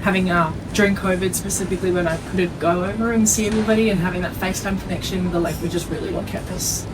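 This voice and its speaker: Speaking fast in a fairly low voice with fairly even intonation, a young adult woman answers interview questions as a netball player, with background noise audible. Originally from Iceland, she moved to Australia at three and now has an Australian accent and a casual, informal style.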